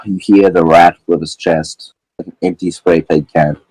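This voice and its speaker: Man, game master, low voice, rambling casual narration, dry close sound. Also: fairly even intonation, normal speed, a little mellow, no room sound, rough recording. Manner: casual, rambling, many fillers.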